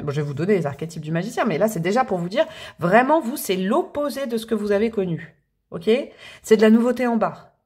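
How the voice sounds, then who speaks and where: A woman talks her viewers through a tarot reading in a loose, conversational way. She laughs often and fills her pauses with little sounds as she thinks aloud. Her voice sits at an ordinary middle pitch for a woman. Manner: chatty and expressive, laughing often, with many fillers. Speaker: tarot card reader.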